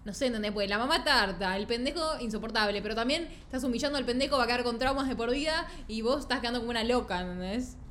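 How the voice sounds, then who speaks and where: Young Argentine woman, quick emphatic panelist. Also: a little high, fairly bright tone, slight background noise. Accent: Rioplatense Argentine. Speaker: stream panelist. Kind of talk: casual chat.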